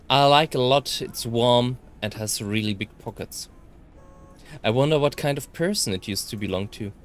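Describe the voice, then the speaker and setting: A German man with a German accent and a medium-pitched voice reads first-person visual novel text aloud as a let's player, giving it expressive delivery.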